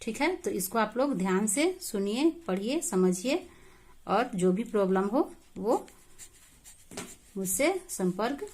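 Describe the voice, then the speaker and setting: A woman's voice: mid-range voice, sing-song, darkish tone. Patient woman teaching vowel sounds. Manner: patient, repeats and drills examples with rhetorical questions; stretches vowels slowly when demonstrating sounds. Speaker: Hindi grammar teacher. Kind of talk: explanatory classroom lesson.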